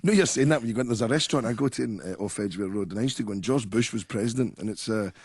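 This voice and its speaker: A man's voice: on the low side, very fast, darkish tone, slightly rough, dry recording. A middle-aged man hosting a casual interview, chatting and telling anecdotes with a conversational manner. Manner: conversational, storytelling, frequent laughs. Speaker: interviewer host.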